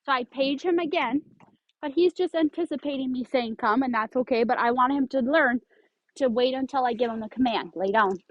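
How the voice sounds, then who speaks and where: A woman's voice: high-pitched, fairly quick, no echo, lo-fi sound. A woman dog trainer explaining leash handling step by step, giving firm short commands to a dog. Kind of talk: instructional demonstration.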